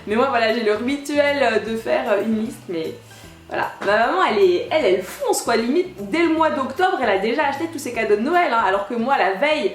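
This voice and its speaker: Young French woman vlogger, high bright voice, chatty and bubbly, roomy echo with soft music under her. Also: animated, a little fast. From France. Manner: chatty, bubbly, many fillers and restarts. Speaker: YouTuber. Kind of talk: casual vlog chat. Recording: echoey room with light music.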